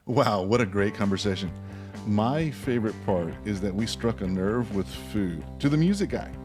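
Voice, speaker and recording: A man's voice: on the low side, animated, normal speed, music in the background. A man hosting a talk show, speaking in an appreciative, conversational way. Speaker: podcast host. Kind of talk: casual conversation.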